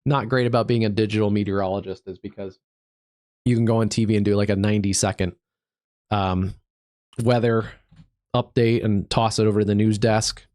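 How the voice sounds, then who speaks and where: A man's voice: on the low side, steady tone, darkish tone, no echo. Stuffed-up man calling live storm radar. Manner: thinking aloud, easygoing, halting with fillers. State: stuffed up from allergies. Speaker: digital meteorologist, livestream host. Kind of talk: live severe weather stream commentary.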